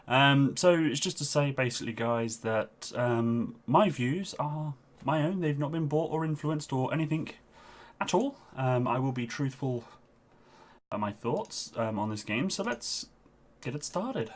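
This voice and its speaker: A man's voice: medium pitch, animated, unhurried. A man doing casual live-stream game commentary into a headset, out of breath and chatty, with frequent ums.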